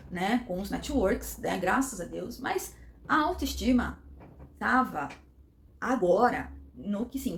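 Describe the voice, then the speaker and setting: A woman's voice: fairly high pitch, creaky. A middle-aged woman, telling a personal story with emotion and acting out the dialogue. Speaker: vlogger.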